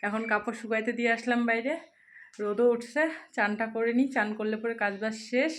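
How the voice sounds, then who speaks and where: A young woman vlogs casually from home on her phone, chatting straight to viewers while doing housework. Her voice is a little high and steady, she talks slightly fast, and there's a faint hiss or hum on the mobile recording.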